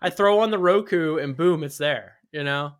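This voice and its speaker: In relaxed podcast conversation, a man recovering from covid rambles and repeats himself about having no sense of smell. He talks at a normal speed with a voice on the high side.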